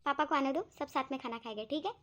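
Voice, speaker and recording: A woman voicing a gentle consoling mother. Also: high-pitched, very fast. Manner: soft, consoling. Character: soothing middle-aged mother. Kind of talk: cartoon voice acting.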